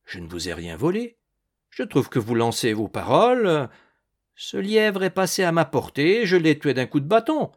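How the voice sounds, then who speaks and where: A man voicing a young male farmhand who talks slowly and turns bitter and indignant. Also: on the high side, big pitch swings, pitched above the performer's own voice. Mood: defiant. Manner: slow, then bitter and indignant. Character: young male farmhand, slow-spoken and defiant.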